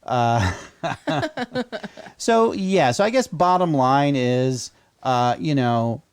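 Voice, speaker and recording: A man's voice: medium pitch, lively intonation, very slow, clear, resonant tone. A man co-hosting a casual podcast, rambling along good-naturedly. He talks loosely, with plenty of "like" and "you know," and cracks dry jokes. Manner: chatty, jokey, many fillers. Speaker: podcast co-host. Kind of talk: casual chat.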